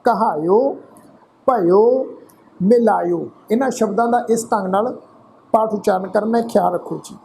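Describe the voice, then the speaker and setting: Patient female recitation teacher from Punjab, India; warm, soft tone, faint hiss behind. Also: medium pitch, steady tone, fairly quick, creaky, low-quality recording. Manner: spells words letter by letter, polite and patient. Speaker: scripture pronunciation teacher. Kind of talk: slow recitation with explanation.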